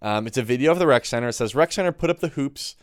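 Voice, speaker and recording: A man's voice: medium pitch, animated, very fast, smooth. Young man co-hosting a casual college podcast. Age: young adult. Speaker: podcast co-host, college resident assistant. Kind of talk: casual chat.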